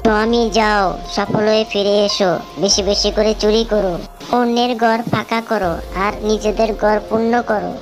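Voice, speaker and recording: A woman's voice: mid-range voice, flat delivery, normal speed, soft background music, close to an everyday voice. A woman voicing a greedy, quarrelsome jackal wife with a bossy, scolding manner in a cartoon story. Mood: bossy urging. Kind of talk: exaggerated cartoon story acting.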